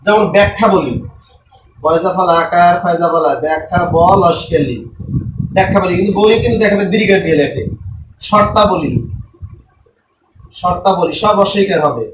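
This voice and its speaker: High-voiced man teaching spelling rules. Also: reverberant, recorded from a distance, noisy background. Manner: repeats and spells out words slowly, asks and answers himself. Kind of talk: spelling lesson for exam takers.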